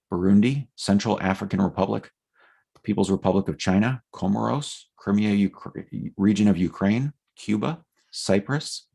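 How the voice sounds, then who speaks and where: A man's voice: fairly low pitch, creaky, a little mellow, breathy edge. A man from the United States, presenting a policy platform in an unscripted explanatory talk with fillers and restarts.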